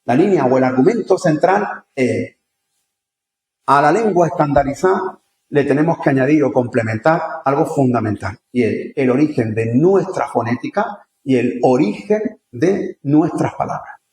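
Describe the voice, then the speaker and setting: A man's voice: mid-range voice, animated, moderate pace, a little mellow, reverberant. A man from Andalusia with an Andalusian accent giving a conference lecture, talking conversationally and firing rhetorical questions at the audience. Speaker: conference speaker. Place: lecture hall.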